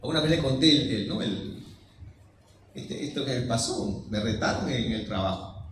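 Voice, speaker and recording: A man's voice: mid-range voice, expressive, moderate pace, a little hiss or hum. A man with a Peruvian accent preaching a sermon as pastor. He mixes personal stories with rhetorical questions. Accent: Peruvian Spanish. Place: church. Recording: echoey church hall, mic at a distance.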